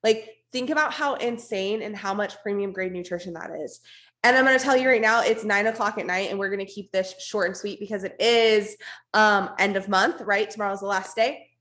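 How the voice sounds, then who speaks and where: A woman with a hoarse, raspy, strained voice gives an informal, emphatic, unscripted motivational team talk on a video call. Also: medium pitch, a little fast, fairly bright tone. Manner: informal, emphatic, repeats for stress, blunt. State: hoarse, losing her voice, coughing now and then. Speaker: network marketing team leader hosting an online meeting.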